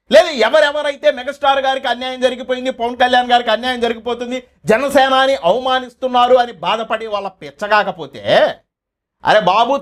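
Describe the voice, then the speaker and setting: Fiery high-pitched male political commentator. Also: a bit bright. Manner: fiery, accusatory, rhetorical questions. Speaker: political commentator running his own channel.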